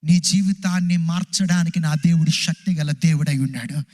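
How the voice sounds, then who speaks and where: A male pastor preaching a sermon emphatically, asking rhetorical questions and swinging his pitch widely. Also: normal speed, a little mellow.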